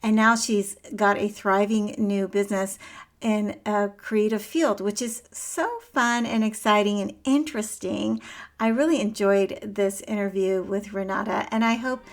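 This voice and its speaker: A woman's voice: medium pitch, fairly even intonation, unhurried. A woman hosting an interview podcast, enthusiastic and gushing as she talks with her guest. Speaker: podcast host. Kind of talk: casual interview.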